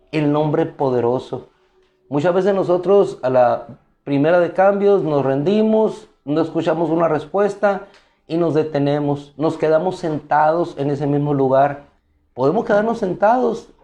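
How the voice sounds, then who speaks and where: A man's voice: a little high, mellow. A man preaching a devotional sermon, emphatic, asking rhetorical questions and repeating phrases.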